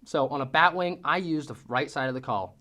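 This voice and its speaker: A man's voice: mid-range voice, brisk, heavy background noise. Casual, folksy male hunting-call instructor. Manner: folksy, mimics sounds with vocal demonstrations. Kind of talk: casual how-to tutorial.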